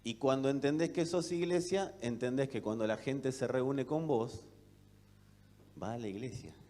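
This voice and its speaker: A man preaching a sermon with an Argentine accent, asking rhetorical questions and swinging between loud and soft delivery. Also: medium pitch, normal speed, slight background noise. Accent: Argentine Spanish. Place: church hall. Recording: long reverb of a church hall.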